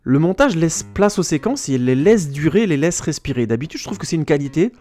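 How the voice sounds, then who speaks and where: A man's voice: fairly high pitch, very animated, brisk, warm tone, soft background music. A man hosting a podcast, giving a casual spoken film review, chatty and digressive, often stopping to search for a word. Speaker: film critic podcast host.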